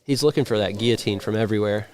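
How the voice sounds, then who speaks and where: A man commenting on live jiu-jitsu, calmly describing grips and techniques with frequent filler words. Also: fairly low pitch, a crowd in the background. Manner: measured technical analysis with fillers.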